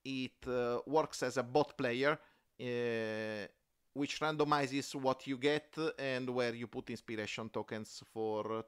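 A man who speaks as a talks through a board game on a podcast. His voice is smooth and resonant, and his speech halts often with fillers and restarts. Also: mid-range voice, steady tone. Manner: halting, many fillers and restarts. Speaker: podcast co-host. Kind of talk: casual board game chat.

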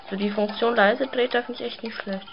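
A woman giving casual gameplay commentary, muttering relaxed asides. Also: fairly high pitch, a little fast, vocal fry, background noise. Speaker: let's player. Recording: slightly dull sound, game music behind.

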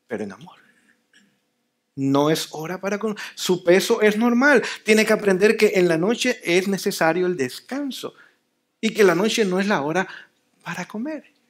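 High-voiced pastor preaching emphatically. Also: male voice. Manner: emphatic, repeats key phrases, drops to soft low endings. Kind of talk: sermon at a family seminar. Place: church.

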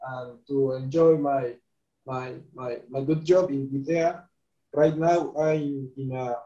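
A young man in his twenties who speaks English as a second language with Spanish as his first, talking haltingly on a video call with many restarts. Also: medium pitch, fairly even intonation, warm tone. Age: 20s. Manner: halting non-native English with frequent restarts and laughs. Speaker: interview guest, trader. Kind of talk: casual video call interview. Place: bright room indoors. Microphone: video call webcam. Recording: roomy, dull webcam sound.

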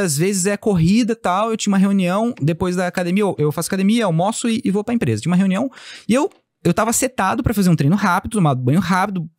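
A man being interviewed as a company founder, telling a casual story with animated delivery and acting out bits of dialogue. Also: sits high, no room sound, clean studio sound. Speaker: podcast guest, company founder.

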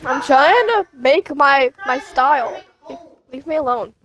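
A giggly woman chatting with friends over a game. Her voice sits high and swoops widely. She laughs often and pushes back at teasing. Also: animated, measured pace, a crowd in the background. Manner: playfully defensive. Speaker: gamer. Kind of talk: casual gaming chat. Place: home, gaming with friends.

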